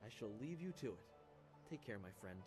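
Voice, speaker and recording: Video game mentor, a man playing calm courteous martial arts master, quick delivery. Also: medium pitch, faint music behind, lightly acted. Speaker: game character.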